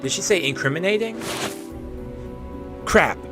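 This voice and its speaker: A man's voice: mid-range voice, big pitch swings, moderate pace. A man streaming a game, reading its narration aloud and breaking off to react and joke. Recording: voice over game music.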